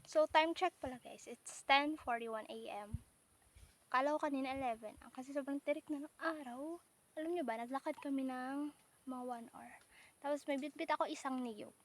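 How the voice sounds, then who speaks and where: A woman's voice: sits high, moderate pace. A young woman chatting playfully in a casual outdoor vlog by rice fields, joking and teasing as she talks. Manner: chatty, playful, mixes Tagalog and English. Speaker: vlogger.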